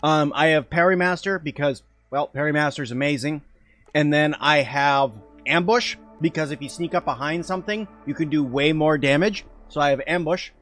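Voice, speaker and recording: A man's voice: a little high, no echo. A man streaming a game live, talking casually as he plays and answering chat. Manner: chatty, answers chat while playing. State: eating while talking at times.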